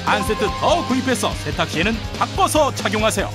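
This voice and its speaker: A woman's voice: medium pitch, very animated, brisk. A woman narrating a scripted hard-sell advertisement with punchy, emphatic slogans. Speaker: advertisement announcer. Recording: voice-over with loud music behind.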